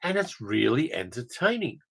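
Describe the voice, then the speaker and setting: A man's voice: mid-range voice, very animated, normal speed, vocal fry, husky, poor audio. A man hosting a film channel livestream, chatting casually and answering viewer comments with a rambling, filler-heavy manner. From Australia. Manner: rambling, conversational, frequent fillers.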